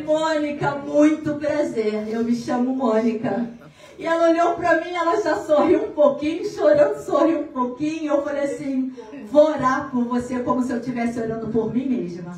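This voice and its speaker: A woman's voice: high-pitched, slight background noise. A Brazilian woman giving an emotional religious testimony, telling her story with growing fervor. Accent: Brazilian Portuguese. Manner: emotional storytelling, rising to fervent. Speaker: testimony speaker. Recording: echoey room from far off.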